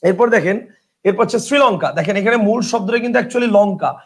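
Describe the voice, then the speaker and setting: High, gravelly Bangladeshi teacher. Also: male voice, fairly quick. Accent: Bangladeshi colloquial Bengali. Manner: chatty, repetitive drilling, checks if students understand; reads out student questions from chat. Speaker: Bengali grammar teacher. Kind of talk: online exam-prep class.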